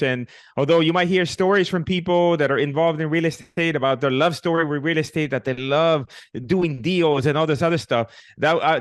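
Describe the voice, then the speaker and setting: A middle-aged man with a Puerto Rican accent speaks as an interview guest, his voice sitting a little high for a man. He tells his story casually, joking along the way and stumbling through fillers and restarts. The sound is dry and close, with almost no room behind it. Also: fairly bright tone, dry recording. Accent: Puerto Rican Spanish. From Puerto Rico. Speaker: guest, real estate investor.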